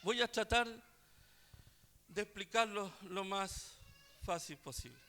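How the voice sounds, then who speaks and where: A male preacher telling a story in a sermon, swinging between quiet asides and loud exclamations. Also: high voice, takes it slowly.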